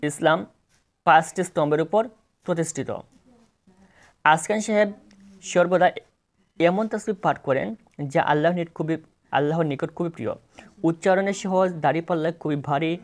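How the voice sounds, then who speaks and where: A man's voice: on the high side, moderate pace, long pauses. Bangladeshi man reading exam answers. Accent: Bangladeshi Bengali. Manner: plain steady reading with self-corrections. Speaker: exam tutor.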